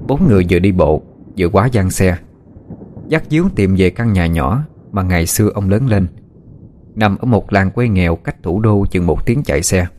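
A man narrating a story audiobook in a steady, measured storytelling manner. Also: low voice, a little hiss or hum. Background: soft background music.

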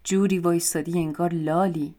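Casting: grumpy old storybook witch, voiced by a woman narrator, curt and bossy, low and mellow. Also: steady tone, lightly acted. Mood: stern. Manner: commanding, curt. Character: stern old witch woman, grumbling and demanding.

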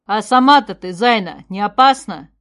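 A woman reading aloud voices a hostile young man who loudly and scornfully accuses others. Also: medium pitch, animated, moderate pace, natural voice.

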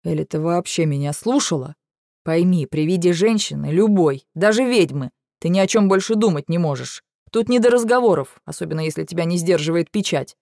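A woman's voice: fairly low pitch, animated, brisk, vocal fry, warm tone, no echo, studio quality. A woman voicing a young male dragon who is caring but stern, patient at first and then sharply scolding, in an audiobook. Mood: insistent. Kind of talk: audiobook narration.

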